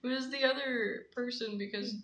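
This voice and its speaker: A teenage girl co-hosting a casual chat, talkative and teasing with deadpan asides. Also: on the high side, moderate pace, echoey room, poor audio. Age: teens. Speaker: podcast co-host.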